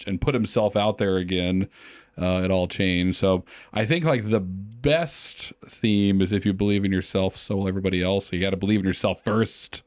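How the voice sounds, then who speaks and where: A man with a fairly low voice co-hosting a podcast in a loose, casual chat. He jokes around and laughs often. The sound is dry and close, with no room around it. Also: darkish tone, clear, resonant tone, dry recording. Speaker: podcast co-host.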